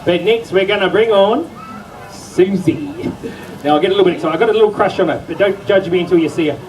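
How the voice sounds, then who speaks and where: On an outdoor county show stage, a middle-aged man from New Zealand runs a live sheep show, cracking jokes and firing up the audience. He talks fast in a high voice. The mic is distant and music plays in the background.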